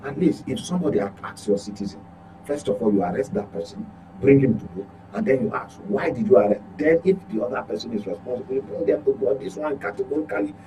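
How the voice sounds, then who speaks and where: Talking fast with lively intonation in a mid-range voice, a Nigerian-accented man delivers political commentary as a journalist on a talk show. He is emphatic and often repeats or corrects his words. Electrical hum makes it clearly noisy.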